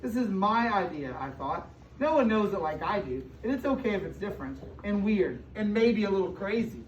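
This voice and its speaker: An American woman, a school superintendent, reads a picture book aloud to young children in an indoor room, her mid-range voice expressive and at normal speed. She paraphrases and explains as she goes, asking questions and stretching words for emphasis. The recording is distant, echoey and muffled, with noise.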